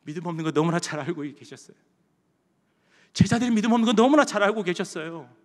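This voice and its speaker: A man's voice: sits high, animated, fast talker. A male pastor giving an impassioned sermon in a church sanctuary, repeating his phrases for emphasis. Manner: impassioned, repetitive preaching. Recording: long church hall reverb.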